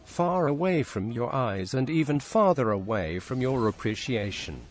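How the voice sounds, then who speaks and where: Computer-voiced male narrator: text-to-speech, flat machine delivery, faint hiss behind. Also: medium pitch, moderate pace. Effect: synthetic text-to-speech computer voice. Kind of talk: reading a written story aloud.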